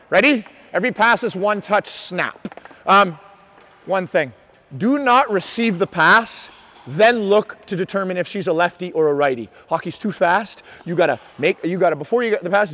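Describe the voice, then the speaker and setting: High-pitched, bright, and forceful, this hockey coach shouts drills on the ice amid the din of an indoor rink. His instructions are urgent, repeated again and again, and encouraging.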